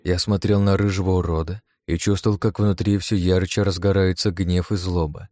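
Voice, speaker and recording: A man narrates a first-person adventure audiobook with a very low, dark and mellow voice. He reads in a steady, measured way. The recording is dry and close. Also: no room sound.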